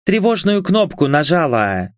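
A man's voice: fairly high pitch, sing-song, unhurried, no room sound, studio quality, pitched above the performer's own voice. A man voicing a polite female office clerk who speaks deferentially and matter-of-factly.

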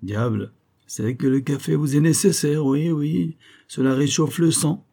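A man voicing a sly, scheming professor who coaxes in a smooth manner. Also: on the high side, measured pace, dark tone, pitched above the performer's own voice. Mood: coaxing.

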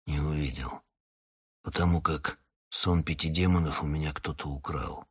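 A man voicing a tired, sullen middle-aged male hunter who mutters quietly. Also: extremely low pitch, fairly even intonation, moderate pace, breathy edge, voice pushed down. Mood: weary sullen.

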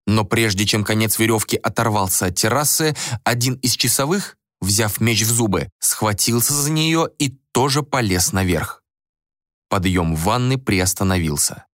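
Animated male audiobook narrator. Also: on the low side, moderate pace, no echo, clean studio sound. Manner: animated, expressive reading. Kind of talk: scripted narration of a fantasy novel.

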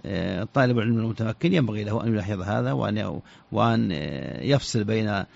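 Low, gravelly, husky-voiced man, a scholar answering listener questions quickly but haltingly, with a dull lo-fi radio sound. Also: animated, darkish tone. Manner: halting, repeats words while searching for them.

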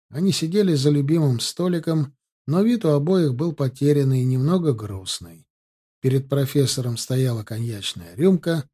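A man narrating an audiobook in a measured, literary way. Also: mid-range voice, dark tone, husky. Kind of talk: scripted narration.

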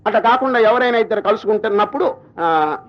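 A man gives a spiritual discourse, slowly chanting verses and putting questions to his listeners. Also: high-pitched. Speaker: spiritual teacher. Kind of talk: religious discourse. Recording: dull lo-fi recording.

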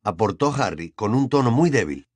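A male narrator reading a novel aloud with lively, swooping intonation. His voice sits at a middle pitch and is recorded close and dry, with no room sound. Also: normal speed, husky, dry recording. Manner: expressive storytelling. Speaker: audiobook narrator. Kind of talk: scripted narration.

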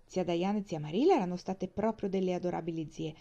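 Woman, audiobook narration, expressive storytelling, lowish voice, muffled recording. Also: fast. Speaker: audiobook reader. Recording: dull lo-fi recording.

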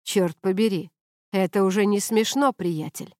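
A woman reading an audiobook, voicing a calm, wry young man who speaks low-key. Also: normal speed, no echo, clean studio sound, lightly acted. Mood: cold.

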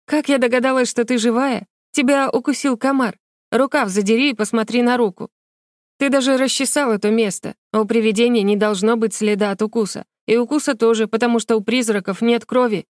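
Cheeky little storybook girl, mocking and quick to argue, woman putting her on, dry close sound. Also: fairly high pitch, a little mellow, no room sound, pitched above the performer's own voice, lightly acted. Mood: accusing. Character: bold, teasing young girl.

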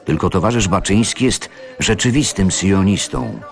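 A man's voice: low-pitched, moderate pace, voice pushed up. An actor reading an indignant, aggrieved middle-aged male factory worker in a radio story. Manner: indignant, pleading.

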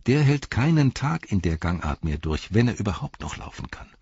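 A man voicing the gloomy, mocking inner voice of a male hobbit in an audiobook, scornful and discouraging, pitched well above his own voice. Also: big pitch swings, normal speed, a little mellow, slightly rough, no room sound, lo-fi sound, exaggerated voice. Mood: doubting.

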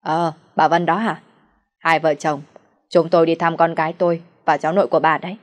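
A woman reading the lines of an angry, quick-tempered elderly village man in an audio story. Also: sits low, level tone.

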